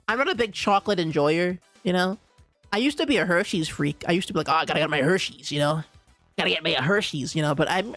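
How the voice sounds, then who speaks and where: A young man from Bermuda streaming, ranting in an animated, casual way with lots of laughter. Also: high-pitched, no echo. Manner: animated ranting, laughs often, says "dude" a lot. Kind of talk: casual livestream chat.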